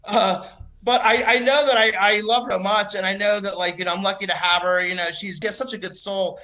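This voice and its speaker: A man from the American South doing a stand-up set, telling stories fast, laughing and swearing often. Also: high-pitched, steady tone, pushed and bright, poor audio. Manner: rapid, laughing, swearing storyteller. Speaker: stand-up comic.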